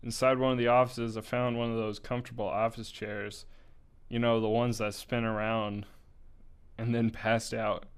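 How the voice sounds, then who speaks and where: A man's voice: mid-range voice, level tone, normal speed, clear, resonant tone. A young man reading a story aloud in a casual way, stumbling over words now and then and breaking off for asides. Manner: casual, with slips, laughs and asides.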